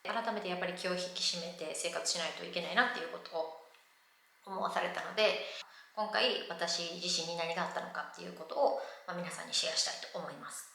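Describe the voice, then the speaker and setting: A woman with a Kansai Japanese accent telling a lively story to camera as a vlogger, acting out the people she met. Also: lowish voice, brisk, creaky. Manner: lively retelling that acts out the people in her story. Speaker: vlogger living abroad. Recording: very echoey room.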